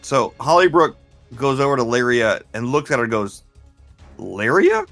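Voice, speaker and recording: A man's voice: medium pitch, fairly quick, a bit bright, faint music behind. A man playing in a tabletop game, chatty and playful as he describes his character. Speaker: player. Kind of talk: tabletop role-play.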